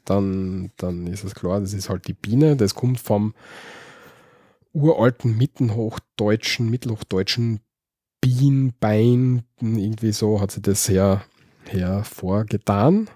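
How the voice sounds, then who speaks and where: A man's voice: fairly low pitch, measured pace, dark tone, dry recording, clean studio sound. A man with an Austrian accent, chatting easily as co-host of a podcast and explaining dialect words. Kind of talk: casual podcast chat.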